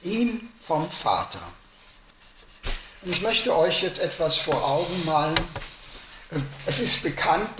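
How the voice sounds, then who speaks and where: A man preaching a sermon to a congregation, slow and emphatic, rising to loud stresses and dropping to hushed lines. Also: a little high, echoey room, noisy background.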